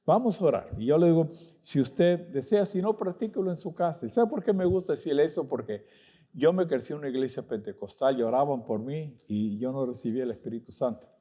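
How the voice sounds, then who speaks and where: Fervent Pentecostal preacher, mellow voice. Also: male voice, fairly high pitch, lively intonation, fairly quick. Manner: fervent, swinging from loud outbursts to hushed prayer. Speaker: guest preacher. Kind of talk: Pentecostal sermon. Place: church.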